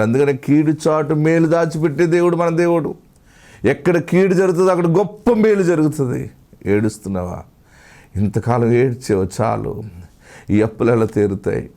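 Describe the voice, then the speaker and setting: A man with a Telugu accent preaching a sermon as pastor, slow and emphatic, sometimes dropping to a low, hushed voice.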